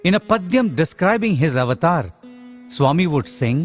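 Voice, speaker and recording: A man's voice: fairly high pitch, big pitch swings, drawn-out words, soft background music. A man reading a reverent scripted documentary narration.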